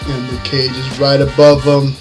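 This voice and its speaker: A man's voice: medium pitch, monotone, moderate pace. A man working as a lucha libre announcer, calling wrestling play-by-play in short, building phrases. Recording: music behind the commentary. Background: music.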